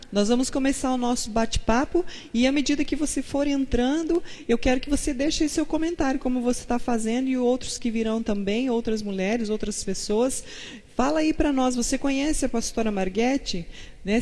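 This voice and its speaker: Woman pastor running a live chat, kinda high voice, friendly with the viewers. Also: a little mellow. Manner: fervent prayer, then chatty greetings to viewers. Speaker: pastor and live-stream host. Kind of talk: live-stream chat and prayer.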